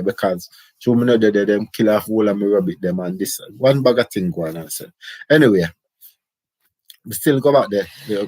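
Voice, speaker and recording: Middle aged jamaican guy rambling in patois, low husky voice, dry close sound. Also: darkish tone, no room sound. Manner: rambling, patois-heavy storytelling. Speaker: storyteller recounting his life. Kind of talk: casual autobiographical chat.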